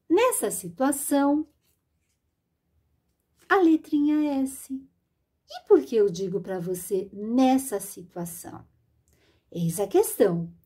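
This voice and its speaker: A woman gives a children's reading lesson at a deliberately slow pace, stretching each word and sound so it can be followed. Her voice is high and a little breathy. She speaks in a patient, didactic way, talking straight to the learner. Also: darkish tone. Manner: slow, drawn-out and sing-song, stretching words and sounds. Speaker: literacy teacher.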